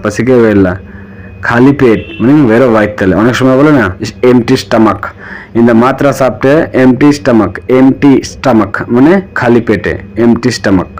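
A man's voice: mid-range voice, a little mellow. Bengali man teaching words by repetition. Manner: repeats each word, asks and answers his own questions. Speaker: language teacher. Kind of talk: spoken vocabulary lesson.

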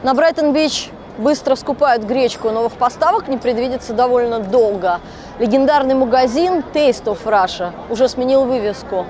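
A woman reporter reads a news voice-over in a high, crisp delivery. Each sentence is scripted and steady. A faint hiss sits under her. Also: normal speed.

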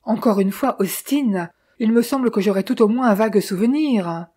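A nervous, pleading man in an audiobook scene, read by a woman. His voice is mellow and dark, and he sounds plaintive and shaken. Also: medium pitch, moderate pace, husky, lightly acted. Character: anxious, plaintive man accused of a killing.

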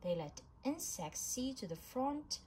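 A woman reads a kids' science book aloud in a noisy home recording, her pitch very expressive and her pace unhurried. She delivers it in an animated storybook style, emphasizing words for young listeners.

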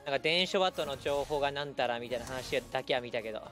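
A man giving lively live commentary while streaming a game, breaking into quick shouted reactions and laughs. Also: medium pitch, music in the background.

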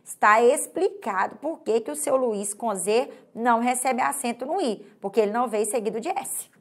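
A woman from Brazil gives an online grammar lesson in a slightly high voice. She stretches out example words and keeps checking in with her students. Her pace is uneven, with slow stretches and quick bursts. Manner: pauses and hurries unevenly. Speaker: Portuguese language teacher.

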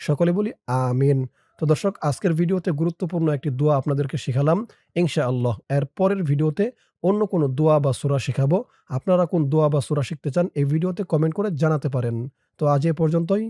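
A man with a Bangladeshi accent teaching an Arabic prayer syllable by syllable, chanting the Arabic slowly and drawn out, then explaining quickly in between. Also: fairly high pitch, warm tone, no room sound, studio quality.

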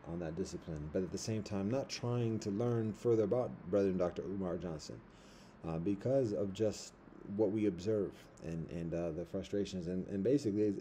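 Middle aged guy talking rasta style to his camera, kinda deep mellow voice, halting and repeating himself, bit of background noise. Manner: Rastafarian-style speech with patois words like "brethren" and "ting"; halting, repetitive, deliberate phrasing. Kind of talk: casual reflective vlog monologue.

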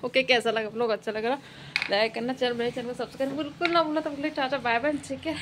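A woman's voice: steady tone, fast, background noise. A young woman from India chatting casually in a home vlog about her day and her child. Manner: chatty, talks to her child in high cooing tones. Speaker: vlogger.

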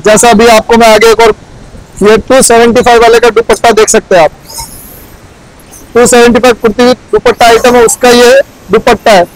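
High-voiced young man guiding a factory tour. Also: flat delivery, normal speed, pauses often, low-quality recording. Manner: plain, repetitive explaining. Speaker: factory guide. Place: large indoor garment factory floor.

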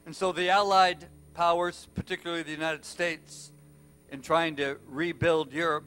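A male pastor preaching a sermon, telling a story with passion and swinging from loud to hushed. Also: on the high side, slight background noise.

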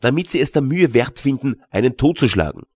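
A man's voice: mid-range voice, expressive, brisk, breathy edge, no room sound, clean studio sound. A man reading an audiobook, voicing a bold young journeyman who scoffs and lectures his nervous companion. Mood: scoffing.

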